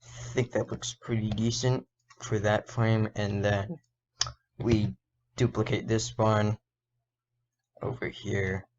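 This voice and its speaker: A man explaining an animation as a casual tutorial, thinking aloud and correcting himself, his voice a little hoarse. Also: lowish voice, little pitch movement, takes it slowly, long pauses, a little mellow, a little hiss or hum. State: slightly hoarse. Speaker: indie game developer and animator. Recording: dull lo-fi recording.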